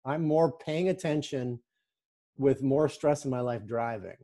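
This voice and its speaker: A man's voice: mid-range voice, unhurried, mellow. A man hosting a casual interview, chatty and joking, with lots of fillers. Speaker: podcast host.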